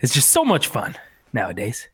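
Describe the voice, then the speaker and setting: Male host, mid pitch, very animated, hedges a lot; casual hockey talk. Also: moderate pace, slightly rough. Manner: animated, hedging. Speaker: podcast host. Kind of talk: casual sports chat.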